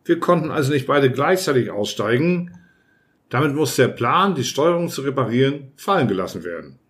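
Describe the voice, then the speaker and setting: A man narrating an audiobook in the first person, reading in a measured, even way. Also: medium pitch. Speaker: audiobook reader.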